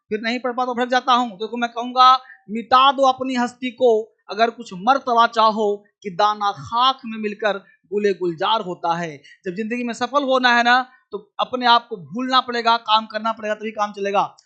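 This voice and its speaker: A man teaching English in a live online lesson, drilling phrases with repetition and urging viewers to answer fast. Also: very high-pitched, sharp tone, muffled recording.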